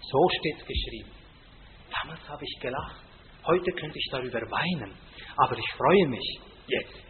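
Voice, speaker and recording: A man's voice: medium pitch, lively intonation, a little slow, slight background noise. A man preaching a sermon in a folksy, emphatic way, often adding a questioning "gell?". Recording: tinny lo-fi line in a reverberant hall.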